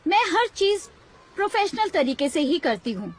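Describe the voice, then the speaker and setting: A woman's voice: very high-pitched, very animated, moderate pace. A woman dubbing a pushy, money-minded young woman in a Hindi series, bossy and theatrical. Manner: bossy, wheedling, theatrical complaints.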